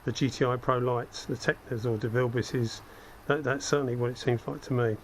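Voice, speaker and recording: A middle-pitched, slightly croaky man talks fairly quickly as a hobbyist host casually demonstrating spray gun equipment. He thinks aloud while working, with conversational, self-deprecating asides. The recording, from a head-mounted action camera, carries faint but steady background noise from the workspace.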